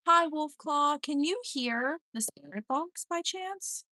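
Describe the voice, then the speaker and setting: A woman's voice: high voice, expressive, slow pace, sharp tone, dry recording. A woman hosting a casual live stream spirit session, chatting to spirits and viewers by name and relaying replies aloud.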